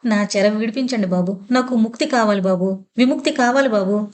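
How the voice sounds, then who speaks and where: A woman's voice: mid-range voice, brisk, lightly acted. A woman reading the lines of a possessed woman through whom a mother spirit speaks, grave, weak and pleading.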